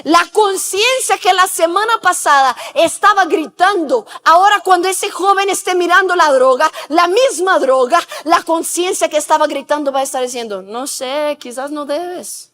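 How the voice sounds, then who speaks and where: A woman's voice: very high voice, normal speed, few pauses, fairly bright tone. A woman pastor preaching a sermon, telling stories and asking the congregation to repeat after her. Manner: asks rhetorical questions. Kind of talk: sermon with storytelling.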